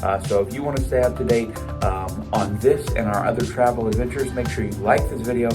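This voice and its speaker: A man's voice: medium pitch, brisk, music in the background. A man presenting like an upbeat, enthusiastic travel show host.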